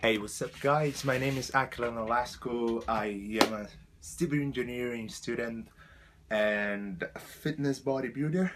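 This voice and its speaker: Loud music plays behind a mid-range male voice as a vlogger in his twenties from Brazil recounts his life to the camera. He speaks hesitant English as a second language, with a Brazilian Portuguese accent and plenty of fillers.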